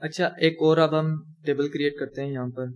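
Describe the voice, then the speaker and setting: A man's voice: a little high, fairly even intonation, brisk, darkish tone. A young man teaching a coding lesson, talking through each step as he types and correcting himself as he goes. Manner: talks through each step while typing, self-correcting. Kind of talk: screen-recorded coding tutorial.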